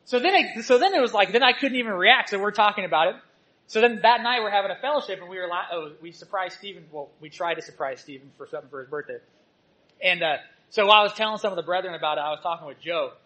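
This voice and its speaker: A male church teacher preaching a sermon, telling personal stories and swinging between loud exhortation and soft asides. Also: high-pitched, animated, fast talker, poor audio.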